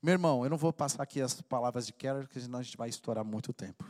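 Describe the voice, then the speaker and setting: A man preaching a sermon as pastor, impassioned and rising to loud preaching. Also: mid-range voice, racing, long reverb tail. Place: church.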